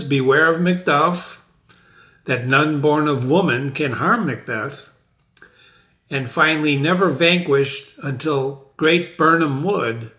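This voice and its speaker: A man with a medium-pitched, sharp-toned voice hosts a dramatic reading and also performs it. He explains it conversationally, checking in with rhetorical questions.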